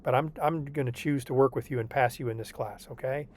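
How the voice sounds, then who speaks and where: This is an online tutoring session where a man explains homework patiently and reassuringly, frequently asking "okay?". He speaks a little fast in a medium-pitched, darkish voice.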